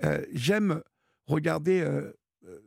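A man's voice: on the high side, expressive, slow, vocal fry, a little mellow, dry recording, clean studio sound. A man hosting a late-night call-in radio show, talking in a hesitant, encouraging way with many fillers. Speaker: radio host.

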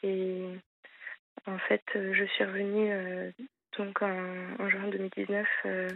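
A woman's voice: medium pitch, completely flat delivery, creaky. Woman caller on a phone line. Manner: halting, hesitant. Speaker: caller to a radio show. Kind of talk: personal account to a host. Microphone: telephone. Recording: narrow, dry phone line.

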